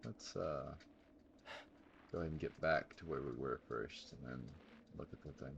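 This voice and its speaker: A man's voice: a bass voice, moderate pace, gravelly, muffled recording, noisy background. A man streaming a game live, rambling casually and thinking aloud with sudden exclamations. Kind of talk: casual gameplay commentary.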